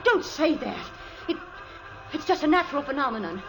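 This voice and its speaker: Frightened wife, high lively voice, pleading, music under it. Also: female voice, moderate pace, vocal fry, full character voice. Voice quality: pleading, fearful. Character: frightened wife, young woman. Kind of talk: 1940s radio acting. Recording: old radio recording under music.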